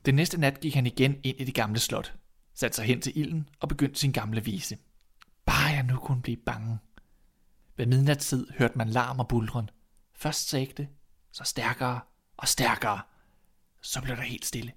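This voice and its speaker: A man narrating a fairy tale in a calm, measured storybook reading. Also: mid-range voice, husky.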